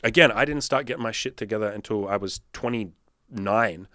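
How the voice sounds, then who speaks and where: A man's voice: on the low side, normal speed, sharp tone, dry recording, studio quality. A man in his thirties, a dating coach giving blunt, profane, fired-up advice in a casual monologue. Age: 30s.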